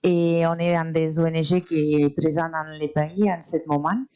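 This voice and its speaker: A woman's voice: low voice, fairly even intonation, normal speed, mellow, smooth, highs cut off. A woman who is not a native French speaker, with a foreign accent in French, hesitantly putting a question at a public panel. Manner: hesitant, non-native phrasing. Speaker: audience member asking a question, NGO worker.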